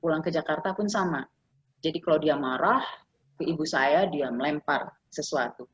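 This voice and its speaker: Female interview guest in her forties, animated storyteller, lo-fi call audio. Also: low voice, normal speed. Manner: animated storytelling, acting out quoted voices. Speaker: guest sharing caregiving experience. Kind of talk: conversational interview. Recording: slightly dull, lo-fi call audio.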